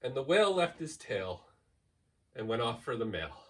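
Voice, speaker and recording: This school staffer's medium-pitched, sing-song voice moves at a normal speed as he reads a picture book to kids. He's theatrical and playful, drawing out key words and zipping through piled-up lists, heard through a distant mic.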